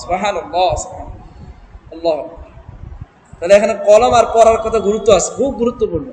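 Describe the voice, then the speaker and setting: A man teaching Quran reading in a classroom, breaking words into syllables, quizzing his students and chanting verses slowly. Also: sits high, warm tone. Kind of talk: classroom Quran recitation lesson. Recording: echoey hall with crowd.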